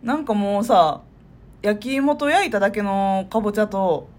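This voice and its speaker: A woman with a Kansai accent co-hosting a casual chat podcast, answering in quick friendly replies. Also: mid-range voice, darkish tone. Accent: Kansai Japanese. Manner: chatty, quick back-channel replies, thanks listeners. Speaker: podcast co-host.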